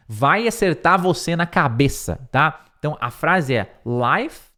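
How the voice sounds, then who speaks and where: A man from Brazil leads an online English lesson. He slows right down to repeat each English word and phrase with care, then turns to his students and reassures them directly. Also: mid-range voice, a bit bright. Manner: slow, careful repetition of English words. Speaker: English teacher.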